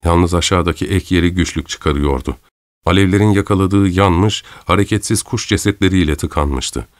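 A man reading an audiobook aloud in measured, dramatic scripted narration. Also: deep voice, dry recording, studio quality. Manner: measured, dramatic storytelling, voicing characters' lines lightly.

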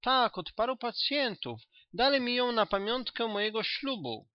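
An eager young country doctor gushes in a raised, excitable voice, as a male audiobook reader puts him on. He sounds effusive and a little flustered. The recording is dull and dry, with no room sound. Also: moderate pace, no room sound. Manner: gushing, high-pitched and excitable.

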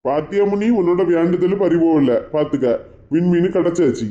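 Brief: a woman putting on a mellow, fast-talking grieving dad, Kanyakumari Tamil accent, dull lo-fi sound. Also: fairly low pitch, voice pushed down, close to an everyday voice. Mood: consoling. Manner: pleading, complaining, sulky. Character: grieving soft-hearted father and husband.

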